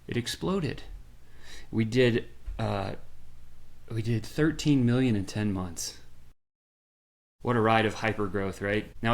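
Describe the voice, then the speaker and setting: A middle-aged man, a podcast guest, telling his business story in a lively way and acting out the quotes. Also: medium pitch.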